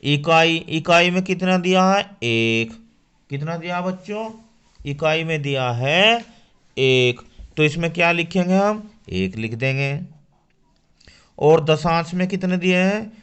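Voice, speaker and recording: A man's voice: a little high, lively intonation, slow, fairly bright tone, clear, resonant tone. A man teaching a school maths lesson to children. He asks questions and answers them himself. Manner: addresses children directly.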